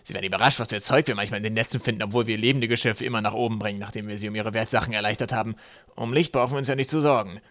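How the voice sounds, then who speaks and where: A man voicing a loyal, gruff male flathead sailor who speaks plainly. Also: fairly low pitch, rapid-fire, dry recording, close to an everyday voice.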